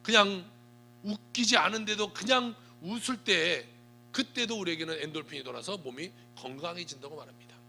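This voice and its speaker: A man preaching a sermon as pastor, emphatic, slowing down for scripture. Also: high-pitched, gravelly, pushed and bright, soft background music.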